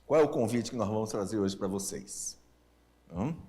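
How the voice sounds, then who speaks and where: A man's voice: fairly low pitch, moderate pace. A Brazilian man in his sixties gives an informal lecture with slightly tongue-tied, slurred articulation, asking rhetorical questions and checking in with short tags. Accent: Brazilian Portuguese. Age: 60s. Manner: animated, checks in with listeners using short tag questions. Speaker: speaker leading a Spiritist family-ministry session.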